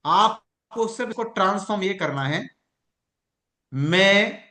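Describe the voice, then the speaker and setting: A man's voice: high-pitched, expressive, slow, bright, forceful tone, roomy sound. A man teaching a class on mind techniques, explaining through examples and questions he puts to his listeners.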